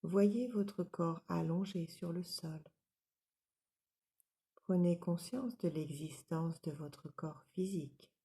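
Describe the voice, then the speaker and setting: Calm and soothing, a female instructor gives measured guidance through a yoga nidra relaxation session in a lowish voice.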